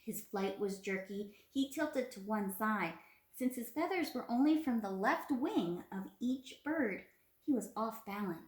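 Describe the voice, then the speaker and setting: Unhurried and expressive, with a fairly high pitch, a young female teacher reads aloud to children, offering encouragement and simple questions. The phone recording, made at arm's length in a small indoor room at home, is echoey and roomy.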